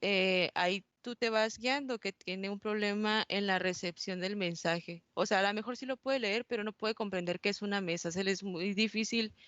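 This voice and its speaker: A woman's voice: mid-range voice, a bit bright, no room sound. A young woman giving a class presentation as a student, hesitant, with many fillers and self-corrections. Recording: dull, dry close recording.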